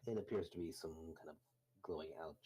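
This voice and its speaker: A man with a fairly low voice runs a tabletop game. He narrates what the players see and answers them in casual, conversational phrases. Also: fast, warm tone, slight background noise. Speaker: game master.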